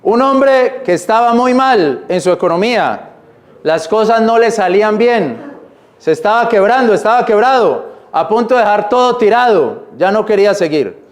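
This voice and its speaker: A man preaching a sermon in church, reading scripture slowly and explaining it in plain, repetitive words. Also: high-pitched, animated. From Colombia. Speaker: pastor.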